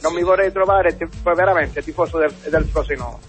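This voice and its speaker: Halting man calling in. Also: a little high, music in the background. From Palermo, Italy. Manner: halting, repeats and restarts words, indignant. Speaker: caller. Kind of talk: football call-in opinion.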